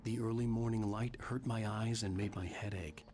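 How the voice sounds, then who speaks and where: An actor playing a troubled writer in a video game, serious, measured and brooding. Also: male voice, lowish voice, steady tone, darkish tone, slight background noise, close to an everyday voice. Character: troubled male writer, tense and brooding narrator. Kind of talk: video game voice acting, scripted noir narration.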